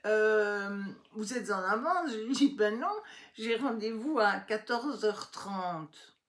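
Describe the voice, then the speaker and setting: A middle-aged woman telling a personal story in a casual vlog, acting out the lines of the people involved. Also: slow pace. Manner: animated retelling, acting out dialogue with rising pitch. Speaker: vlogger.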